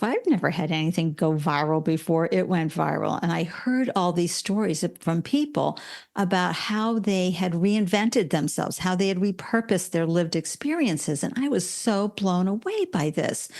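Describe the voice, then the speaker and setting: A woman's voice: fairly low pitch, gravelly, darkish tone. A woman in her sixties, a podcast guest telling stories animatedly and acting out quoted voices. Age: 60s. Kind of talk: conversational interview.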